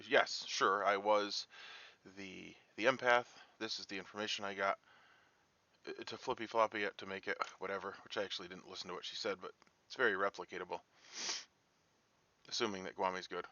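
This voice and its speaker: Bright, low-voiced man, emphatic. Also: fairly even intonation, fairly quick, dry recording, dull audio. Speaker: player in an online social deduction game. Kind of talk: casual game talk, reasoning aloud.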